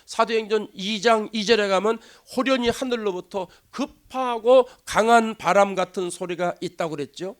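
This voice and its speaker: A man's voice: high voice, moderate pace, few pauses. A male pastor delivering a sermon at a church, acting out quoted speech and dropping to near whispers for emphasis. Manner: animated preaching, acts out quoted voices, drops to a hush. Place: church sanctuary.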